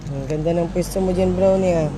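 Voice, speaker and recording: A woman's voice: lowish voice, fairly quick, background noise. A woman filming her dogs, talking to them in a fond, coaxing, baby-talk way.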